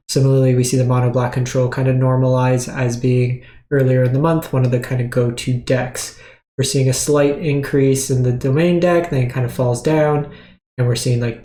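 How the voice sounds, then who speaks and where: A man hosts a casual game meta breakdown, speaking at an ordinary pitch with plenty of fillers and self-corrections. He is still short of breath. His voice carries a noticeable room echo. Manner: relaxed, filler-heavy, frequent restarts. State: short of breath after surgery. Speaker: host.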